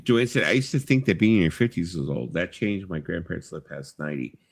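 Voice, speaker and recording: A man's voice: sits low, animated, brisk, husky. A man in his fifties hosting a live stream, rambling casually, swearing freely and filling his talk with you-knows. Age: 50s. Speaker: livestream host.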